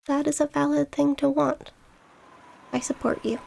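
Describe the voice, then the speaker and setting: A woman's voice: high voice, little pitch movement, moderate pace, creaky, darkish tone. A woman playing a visual novel on stream, reading the text aloud with jokey, swearing asides. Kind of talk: casual let's-play commentary.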